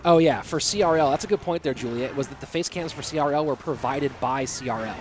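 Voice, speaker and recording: There's a little hiss or hum under this quick, medium-pitched male voice. A young esports commentator with a congested nose from a cold is casually casting a match solo, doing play-by-play and reading chat. He sounds relaxed and chatty, answering viewers' questions between plays.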